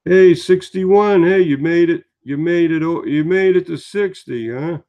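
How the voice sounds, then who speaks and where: A man in his sixties speaks a little high and a little slowly, the recording muffled. Tired and chatty, the vlogger wanders through his casual talk with lots of filler words.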